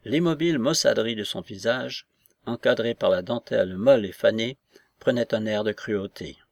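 A man reading a novel aloud in an even, measured narration. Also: lowish voice, gravelly, no room sound, studio quality. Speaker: audiobook narrator. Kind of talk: scripted literary narration.

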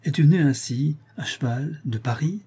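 A man's voice: on the high side, moderate pace, dark tone, husky, voice pushed up. A man reading an audiobook voices a loving young wife, speaking tenderly and adoringly.

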